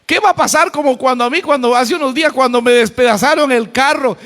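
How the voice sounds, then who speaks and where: A man's voice: very high voice, a little fast, fairly bright tone. A male pastor with a Costa Rican accent preaching a sermon, colloquial and humorous with emphatic storytelling. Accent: Costa Rican Spanish. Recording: church hall with long reverb.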